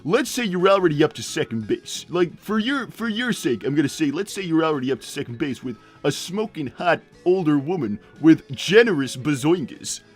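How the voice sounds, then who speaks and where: In improvised livestream banter, a man voices a short, crude cartoon hedgehog dad with a slightly rough, somewhat high voice that swings with lively pitch. He overshares in a halting, repetitive, matter-of-fact way, sounding casual and smug. Faint music plays in the background.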